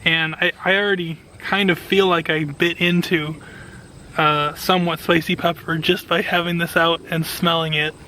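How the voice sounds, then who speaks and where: A man speaks in a bright, slightly raised voice. He narrates what his hands are doing in a casual, enthusiastic vlog style. There is light noise in the background. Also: on the high side, flat delivery, normal speed, low-quality recording. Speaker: vlogger, home gardener.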